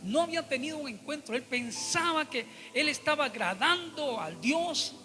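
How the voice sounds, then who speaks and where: A man's voice: extremely high pitch, lively intonation, moderate pace, bright, forceful tone, long reverb tail. A man preaching a Bible study sermon, emphatic and repetitive, often turning to address his listeners as brothers.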